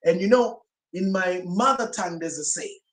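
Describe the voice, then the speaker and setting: A male pastor, Swahili being his first language, delivers an emphatic, sermon-like teaching talk packed with rhetorical questions. His voice is high-pitched and a little bright, moving at a normal speed. The recording has a roomy echo.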